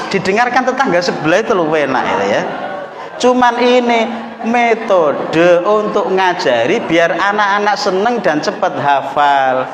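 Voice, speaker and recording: Javanese-accented man teaching in an echoey hall. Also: on the high side. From East Java, Indonesia. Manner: joking, breaks into melodic chanting to demonstrate. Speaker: Quran teacher trainer. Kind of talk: workshop lesson with chanted demonstrations. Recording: echoey hall with long reverb.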